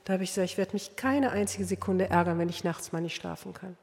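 A woman's voice: on the low side, fast talker, creaky, a little mellow. Earnest older woman preaching in a hall. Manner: earnest, addresses listeners directly. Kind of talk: sermon. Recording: long hall reverb.

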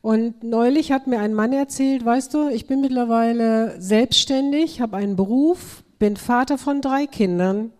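A middle-aged woman addressing a church group, her voice mellow and warm and sitting a little high. She talks earnestly and gives her points slow, deliberate emphasis. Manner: earnest, reads aloud slowly with emphasis.

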